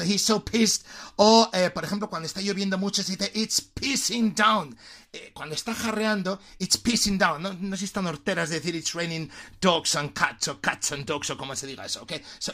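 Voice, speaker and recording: Playful bright-voiced male language teacher. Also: high-pitched. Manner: playful, switches between Spanish and English, spells words out. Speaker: English teacher. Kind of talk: casual language lesson.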